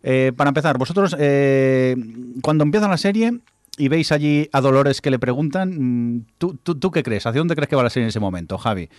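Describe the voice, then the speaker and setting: A man's voice: medium pitch, lively intonation, fairly quick, darkish tone, no room sound. Man hosting, dry close sound. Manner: thoughtful, hesitant with fillers. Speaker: podcast host. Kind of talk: casual chat.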